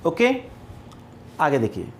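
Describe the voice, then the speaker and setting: A man teaching grammar in a classroom-style lecture, explaining slowly, repeating words and spelling them letter by letter. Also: mid-range voice, huge pitch swings, vocal fry, slight background noise.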